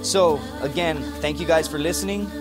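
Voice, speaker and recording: A young man tells a story straight to camera in a lively, profane way, tossing in "dude" every few lines. His voice sits a bit high for a man. The room echoes around him, and music plays clearly underneath. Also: moderate pace. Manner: animated, profane, keeps saying "dude".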